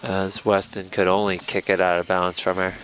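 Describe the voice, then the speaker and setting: A man's voice: deep voice, little pitch movement, moderate pace, noisy background. Conversational male soccer color commentator.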